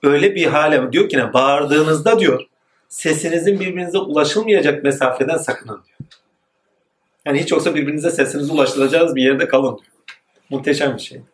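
A man delivers a religious lecture in a slightly high voice, pushing up on key points and sinking into low asides. The sound carries a roomy echo with a faint noise underneath. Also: fairly quick. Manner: rises emphatically, then drops to a low aside. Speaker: religious teacher. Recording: echoey room with faint noise.

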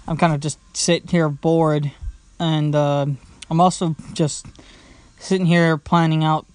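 Sitting indoors at home, a young podcast host rambles through his casual show, full of fillers, false starts and "blah, blah, blah." He speaks unhurriedly in a voice on the high side with little pitch variation, clean-toned and dry.

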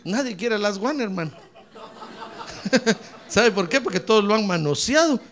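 A male preacher delivering a fervent sermon, bursting into shouted praise and mixing in humorous asides. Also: high voice, animated, a little slow.

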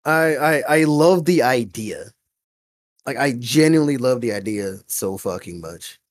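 Animated, sweary young guy. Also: medium pitch, unhurried, no echo, studio quality. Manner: emphatic fan enthusiasm with heavy swearing. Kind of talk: casual group chat about anime and games.

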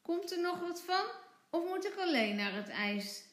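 A woman's voice: very high voice, sing-song, measured pace, a bit bright, echoey room, pitched above the performer's own voice, full character voice. A woman reading a storybook aloud and voicing a cheerful, playful father.

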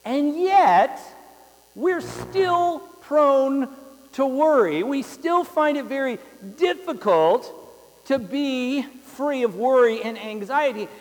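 A man's voice: extremely high pitch, lively intonation, slow. A young male pastor preaching a sermon, telling rambling stories with lots of fillers and repeated words. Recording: long hall reverb.

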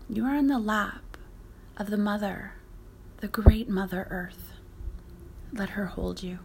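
In a low-quality recording with slight background noise, a woman teaches a yoga nidra meditation. Her mid-range voice is creaky, breathy and hushed, almost whispering, as she instructs gently and soothingly without hurrying.

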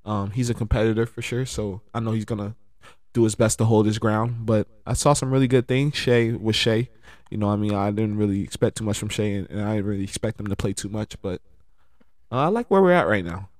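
A man in casual sports chat, rambling and relaxed, with lots of fillers and bursts of excited laughter. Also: on the low side, fairly quick, no room sound, clean studio sound.

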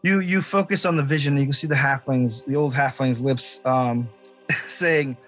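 A man acting as game master, improvising narration for a tabletop game in a halting way. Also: mid-range voice, fairly even intonation, fairly bright tone, soft background music.

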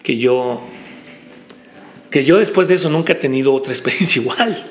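A man, a preacher guest on a podcast, telling a personal story in an animated way, often repeating words and acting out quotes. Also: medium pitch, moderate pace. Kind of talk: casual storytelling chat. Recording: echoey room with faint background noise.

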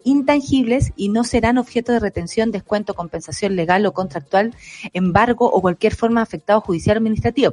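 A woman's voice: mid-range voice, a little mellow. A Chilean woman co-hosting a casual talk show, slangy and jokey, reading points aloud. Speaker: co-host. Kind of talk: casual chat.

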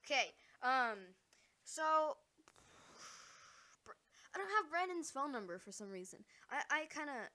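A woman hosting a casual solo podcast, rambling and distracted, breaking into excited exclamations. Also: high voice, measured pace, pauses often. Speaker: podcast host.

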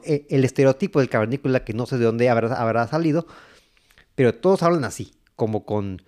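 A man with a Mexican accent giving casual, rambling commentary, halting and repeating words. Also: medium pitch, a little mellow. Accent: Mexican Spanish. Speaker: host. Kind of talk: casual commentary on old cartoons.

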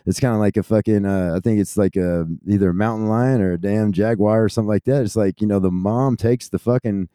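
Man, deep dark tone, casual profane rambling rant, dry close sound. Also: brisk, few pauses, clear, resonant tone, dry recording. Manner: rambling, heavy swearing and fillers.

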